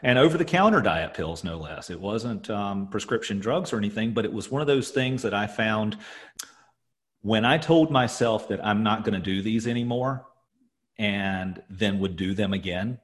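A man co-hosting a podcast in casual chat, his voice echoing around an empty office, talking in halting, rambling stretches full of fillers. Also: on the low side, animated. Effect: echoey sound from an empty office. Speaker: podcast co-host.

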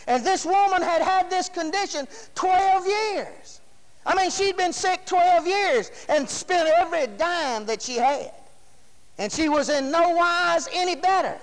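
A man preaches in a strikingly high voice. His delivery is folksy and fervent, full of repeated phrases and exclamations as he moves between scripture and explanation. Long hall reverb trails behind his words. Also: measured pace. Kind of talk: sermon with scripture reading.

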